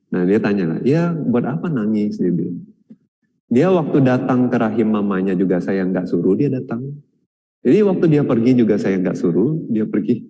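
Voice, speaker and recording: Monk speaking in a reverberant hall. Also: male voice, lowish voice, animated, normal speed, warm tone, dull audio. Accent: Indonesian. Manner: storytelling with acted quotes, many fillers. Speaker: Buddhist monk answering questions. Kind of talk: dharma talk Q&A.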